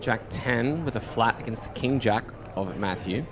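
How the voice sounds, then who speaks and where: A man's voice: medium pitch, lively intonation, moderate pace. Male live poker commentator over crowd noise. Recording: busy card room crowd behind. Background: poker room crowd noise.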